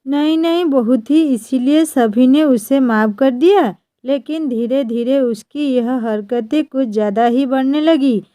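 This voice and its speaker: A woman narrating a scripted family story in a plain, even storytelling manner. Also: sits high, unhurried, dry recording.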